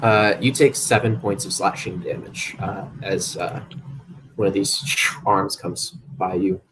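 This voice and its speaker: A man's voice: deep voice, steady tone, a little slow, over music. A man running an online tabletop game as game master, talking with frequent ums and uhs. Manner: hesitant, many ums and uhs.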